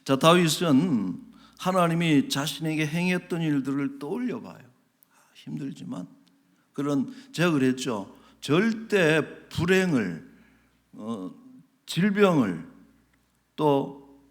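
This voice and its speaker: A man preaching as a pastor, telling a church story with animated delivery. His voice jumps up for quoted lines and sinks to near whispers, and he laughs as he goes. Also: fairly high pitch, unhurried. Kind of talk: sermon.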